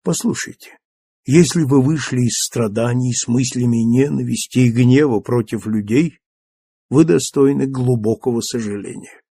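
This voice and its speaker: Guy reading as a calm kind old bishop, soft gravelly voice, dry. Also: medium pitch, moderate pace, no room sound. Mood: solemn. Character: gentle elderly bishop, calm and kindly. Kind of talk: audiobook character reading.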